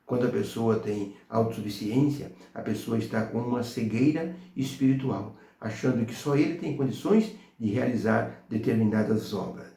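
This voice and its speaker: A man's voice: mid-range voice, normal speed, creaky, few pauses, dark tone, reverberant. A man with a Brazilian Portuguese accent teaching a devotional Bible lesson, telling anecdotes as he goes. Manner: storytelling with anecdotes. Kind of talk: devotional Bible study talk.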